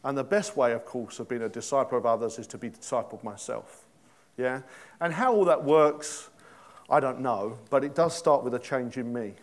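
A man's voice: mid-range voice, normal speed. A middle-aged man preaching a sermon in a conversational way, asking his listeners questions and joking with them. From Britain. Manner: conversational, asks the congregation questions, jokes. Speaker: pastor.

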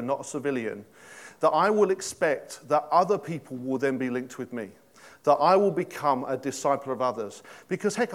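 Guy preaching to a congregation, middle-aged, chatty, keeps checking in with the crowd. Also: medium pitch. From Britain. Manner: conversational, asks the congregation questions, jokes. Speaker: pastor. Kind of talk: sermon.

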